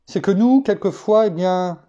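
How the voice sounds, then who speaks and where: A man from France preaching a sermon, teaching reflectively with personal anecdotes and rising emphatically in pitch to stress his points. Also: unhurried, mellow, highs cut off.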